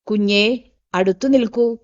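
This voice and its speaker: A woman's voice: mid-range voice, unhurried, lo-fi sound, close to an everyday voice. A woman voicing a proud, grieving older uncle in an audiobook, choked with feeling at times and stern at others. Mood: tender. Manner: choked, then stern and commanding. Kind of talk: audiobook reading.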